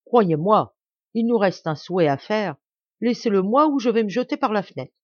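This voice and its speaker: A woman reading a fairy tale aloud, voicing an impulsive, quarrelsome poor peasant wife in a lively, excitable way. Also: mid-range voice, normal speed, no echo, natural voice. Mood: distraught. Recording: dry, slightly dull home recording.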